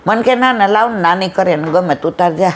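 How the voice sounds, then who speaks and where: A woman giving a devotional satsang talk, telling stories and acting out the dialogue lively. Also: fairly low pitch, fairly quick. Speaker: satsang speaker.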